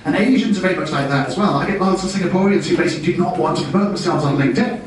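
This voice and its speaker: Recorded from afar in a heavily reverberant function room with faint background noise, a fairly high-voiced man from the UK presents a business talk. He's animated and racing, lacing it with dry jokes at his own expense.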